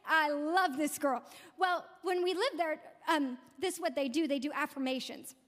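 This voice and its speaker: A woman pastor with a very high voice delivers an emphatic sermon, leaning on key words and repeating them. Her voice carries a long reverb tail from a church sanctuary. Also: normal speed, a bit bright.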